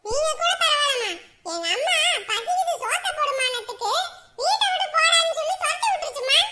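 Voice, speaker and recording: A man's voice: very high voice, expressive, brisk, pushed and bright, heavily acted. An actor playing a young jobless village man who complains sulkily about his mother. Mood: aggrieved. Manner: sulky, complaining. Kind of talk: Tamil web drama acting.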